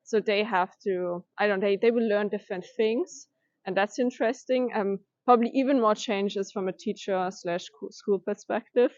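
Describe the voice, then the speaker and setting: A young woman from Germany answers interview questions, thinking aloud with pauses and restarts. Her voice sits at a middle pitch. The recording is dry and a little muffled. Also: darkish tone, dry recording. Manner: thoughtful, hesitant, with many fillers and restarts. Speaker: interviewee, education data science master's student.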